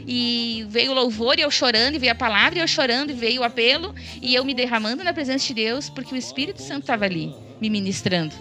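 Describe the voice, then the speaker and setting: A woman pours out a fervent church testimony. She speaks with deep emotion and keeps checking in with a quick "né?". Clear background music plays under her voice. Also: sharp tone. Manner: fervent, tearful in tone, keeps tagging "né?". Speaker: guest giving a church testimony.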